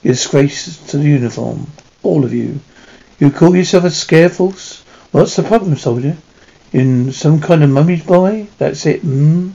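A sneering, ghoulish horror-show drill sergeant, acted out by a man. The voice is creaky and rough, mocking and bullying, on a slightly dull recording. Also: on the high side, a little slow, warm tone. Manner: barking insults, mocking.

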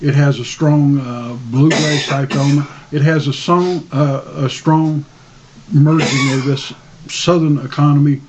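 A man in an informal discussion, explaining things in a measured, hesitant way as a guest. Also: fairly high pitch, steady tone, background noise.

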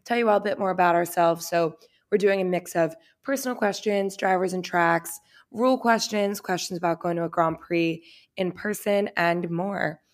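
Brief: twenties woman co-host, low-pitched, upbeat, casual chatter. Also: moderate pace. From Boston, USA. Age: 20s. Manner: upbeat, chatty, says "like" often. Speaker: podcast co-host. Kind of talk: casual podcast chat.

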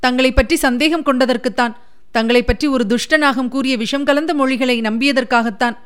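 A woman reading a storybook part of a tender, anxious young woman who pleads earnestly, a little higher than her narrating voice. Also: fairly even intonation, moderate pace, a bit bright, clear, resonant tone. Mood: pleading.

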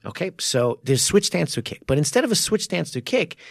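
A man's voice: fairly high pitch, big pitch swings, fast talker, vocal fry, no room sound. A man co-hosting a podcast, casually and enthusiastically explaining fight technique in a studio. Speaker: podcast co-host.

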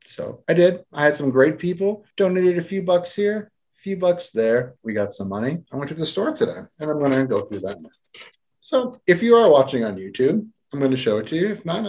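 A male podcast host talks in a casual, heartfelt way, slightly nervous and now and then choked with emotion. His voice sits at an everyday middle pitch, and his delivery is plain and unscripted. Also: a little mellow, a little hiss or hum. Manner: earnest, emotional, a bit nervous on camera.

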